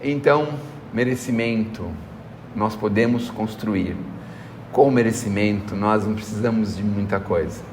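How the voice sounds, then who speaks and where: A man's voice: fairly low pitch, measured pace, darkish tone, big-room sound, slight background noise. A man with a Brazilian accent giving a folksy spiritual talk, telling anecdotes, acting out voices, and asking "né?" again and again. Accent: Brazilian Portuguese. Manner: folksy storytelling, acts out quoted voices, frequent "né?". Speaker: spiritist lecturer.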